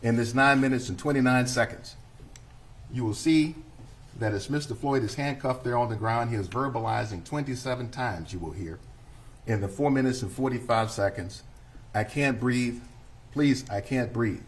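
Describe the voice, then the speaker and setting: Measured male prosecutor addressing a jury. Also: mid-range voice, slight background noise. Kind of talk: courtroom opening statement.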